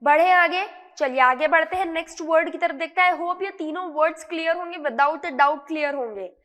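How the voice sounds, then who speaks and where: A woman's voice: very high-pitched, moderate pace, fairly bright tone, big-room sound. A woman teaching English vocabulary in an explanatory lesson, mixing Hindi and English and asking and answering her own questions.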